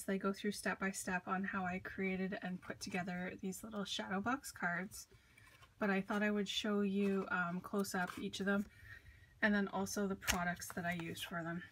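An American card-making crafter, audibly congested, shows off her handmade cards at her craft desk, chatting with fillers and small laughs. Her medium-pitched voice is a bit bright, level in tone, at normal speed, in this casual show-and-tell.

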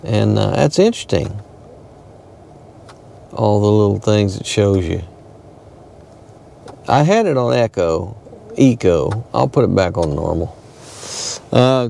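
A man's voice: medium pitch, gravelly, warm tone. A man giving a casual, rambling walkthrough of a pickup truck's cab, correcting himself often as he goes. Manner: rambling, self-correcting, lots of fillers. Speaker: car reviewer. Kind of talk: casual walkthrough of a vehicle interior.

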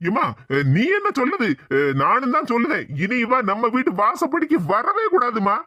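A woman's voice: fairly high pitch, very animated, moderate pace, pushed and bright, dry recording, pitched below the performer's own voice, exaggerated voice. A cartoon village son, voiced by a woman in a middling register, questioning his mother in a Tirunelveli Tamil accent. The sound is dry and a bit muffled. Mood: puzzled. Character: grown son, easygoing village husband.

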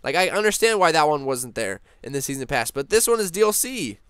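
Rambling young man with smooth dry voice. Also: on the high side, brisk, no echo. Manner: rambling, excitable, frequent fillers and restarts. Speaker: gaming channel host. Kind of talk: casual gaming news vlog.

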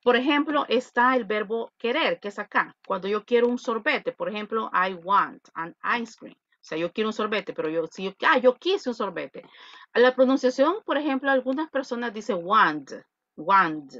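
A woman's voice: on the high side, animated, brisk, no room sound. Salvadoran woman teacher, dull dry audio. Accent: Salvadoran Spanish. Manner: patient, repeats points, checks with students. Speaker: English teacher. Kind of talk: explaining an online class.

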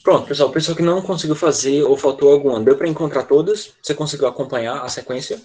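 A man's voice: on the high side, fast, a little mellow, slightly rough. A man teaching an online English lesson to children, patient and constantly checking in with short questions. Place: online class over a video call.

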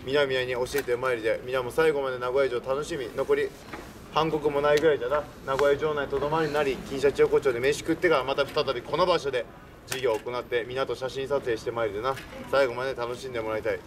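A man's voice: mid-range voice, fairly even intonation, fast talker, close to an everyday voice. A young man playing a boastful, worldly-wise old samurai lord, giving jovial, emphatic life advice to visitors in archaic speech. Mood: wise, advising. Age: young adult. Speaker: costumed historical performer. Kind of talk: in-character talk show for castle visitors. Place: outdoor castle grounds beside a stone wall. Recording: noisy outdoor recording from a distant camera.

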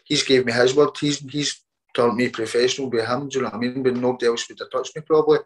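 A man, a boxer, telling his story in a casual interview, halting and repeating words as he quotes what others said. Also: medium pitch, fairly even intonation, low-quality recording.

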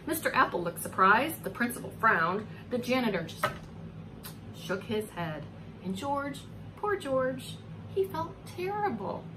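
Her voice sits on the high side, swinging widely in pitch and moving a little slowly, as this woman in her forties reads a story to preschoolers. She stretches words out dramatically and pauses for coaxing asides to her listeners. It's a clearly noisy home recording.

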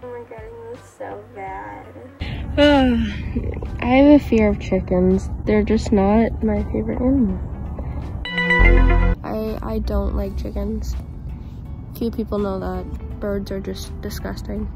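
Chatty woman vlogging real slow, music loud behind her. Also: mid-range voice, steady tone, vocal fry, rough recording. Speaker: YouTuber. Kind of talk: casual vlog clips. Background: music playing.

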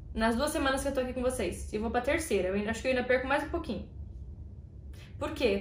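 A woman's voice: sits high, a bit bright. A woman teaching belly dance online, chatting in a casual, slangy and encouraging way. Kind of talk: casual online lesson talk. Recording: echoey room.

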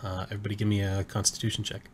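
A man narrating a tabletop game as game master, describing scenes in a calm, measured way. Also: on the low side, slight background noise.

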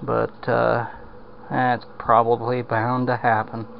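A man with a mid-range, creaky voice drawls slowly in a totally flat delivery, rambling casually and leaning on plenty of fillers. He is filming a home repair walkthrough in a damp basement on a handheld camera. The audio is dull lo-fi camera sound with a little hiss or hum.

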